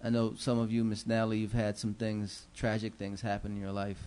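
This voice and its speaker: This middle-aged commissioner's voice is on the low side, warm and clean, moving a little fast with completely flat delivery. He gives earnest, preacherly holiday remarks full of fillers from the council chamber dais, speaking into a gooseneck desk mic.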